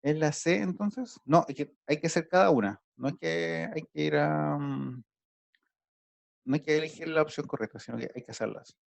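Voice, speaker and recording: A male teacher with a gravelly, creaky voice talks through a math lesson on a video call. He explains each step patiently, and the sound is close and dry with no room echo. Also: on the high side, moderate pace. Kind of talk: online math class.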